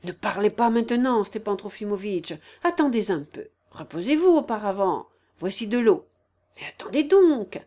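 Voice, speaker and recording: A woman's voice: mid-range voice, lively intonation, moderate pace, darkish tone, lightly acted. A woman voicing an imperious aging noblewoman who scolds and gives orders in a raised, emphatic voice. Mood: soothing but impatient.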